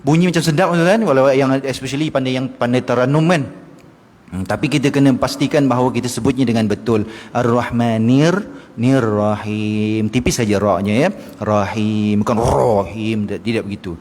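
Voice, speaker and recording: A man's voice: mid-range voice, a little mellow. Man teaching in a mosque hall. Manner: slowly chants verses to demonstrate, then explains; addresses the audience directly and often. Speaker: religious teacher. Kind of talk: mosque lecture on Quranic pronunciation. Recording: long mosque hall reverb.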